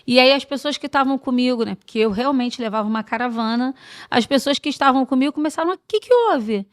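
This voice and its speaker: Woman, podcast guest, expansive storyteller, smooth clear voice, dry close sound. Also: high voice, fast talker, no room sound. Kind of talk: casual chat, storytelling.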